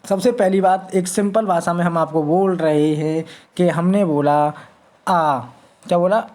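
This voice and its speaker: A woman teaching a Hindi grammar lesson for exam prep, asking questions and answering them herself, stretching vowel sounds slowly to demonstrate. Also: fairly low pitch, warm tone. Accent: north Indian Hindi.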